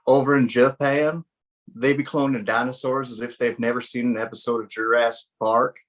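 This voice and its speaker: A man's voice: mid-range voice, little pitch movement, moderate pace, a bit bright, close to an everyday voice. A man putting on a rambling drawling ranter. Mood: mock-serious. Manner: mock-serious, rambling delivery. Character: ranting folksy man spouting conspiracy jokes. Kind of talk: comic character bit on a podcast.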